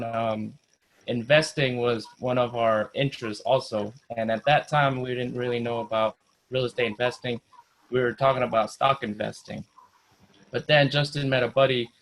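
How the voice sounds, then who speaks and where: A man's voice: medium pitch, low-quality recording. A man in his thirties from Indonesia, a guest investor telling his story in an easygoing way on a video call. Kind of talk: casual video call chat.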